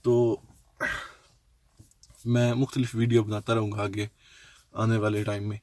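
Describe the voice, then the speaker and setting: A man's voice: lowish voice, level tone, unhurried, a little mellow. A man hosting his own casual language tutorial, patiently spelling out letters one by one and leaning on fillers. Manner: leans on fillers and restarts. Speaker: language teacher, channel host. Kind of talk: casual home-made tutorial.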